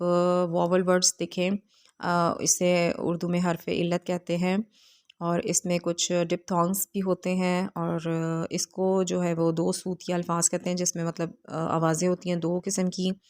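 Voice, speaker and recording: A woman teaching an English textbook lesson in a video, reading the English lines slowly and carefully and explaining them with hesitant fillers. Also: on the low side, little pitch movement, a little mellow.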